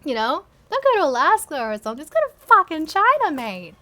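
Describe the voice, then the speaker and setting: A woman's voice: high voice, huge pitch swings, fairly quick, sharp tone. A woman reading her old fan story aloud, stopping often to mock it with sarcastic, sweary asides. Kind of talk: reading aloud with mocking commentary.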